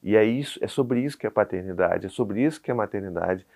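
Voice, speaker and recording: A man's voice: fairly low pitch, fast, gravelly. Brazilian man telling a story animatedly. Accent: Brazilian Portuguese. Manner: animated storyteller, acts out dialogue. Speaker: podcast guest, father of four. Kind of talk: casual chat.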